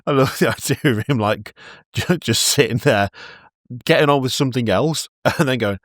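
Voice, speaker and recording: A man's voice: mid-range voice, moderate pace, a bit bright, no room sound, clean studio sound. A man hosting a podcast, retelling lore in casual chat and laughing often mid-sentence. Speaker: podcast host narrating lore.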